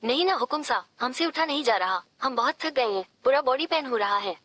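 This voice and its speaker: A woman's voice: high voice, expressive, brisk, bright, forceful tone, full character voice. A woman voicing an innocent, playful young woman who speaks in a tired, pleading way.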